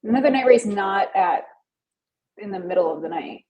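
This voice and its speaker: A woman's voice: mid-range voice, expressive, normal speed, lo-fi sound. A woman co-hosting a podcast, upbeat and playful in casual chat. She closes out the episode and signs off. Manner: upbeat and playful, wraps up the show. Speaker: podcast co-host.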